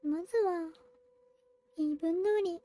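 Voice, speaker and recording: A woman giving casual game commentary, musing aloud in short, soft phrases. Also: extremely high pitch, moderate pace. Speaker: game streamer.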